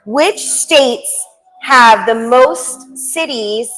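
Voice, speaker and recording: A woman in her forties co-hosts a live show, friendly and quick to laugh as she quizzes her partner. Her voice sits slightly high for a woman. The talk is loose and chatty. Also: a bit bright, low-quality recording. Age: 40s. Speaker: co-host and real estate agent. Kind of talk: casual chat on a live show. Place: indoor studio set.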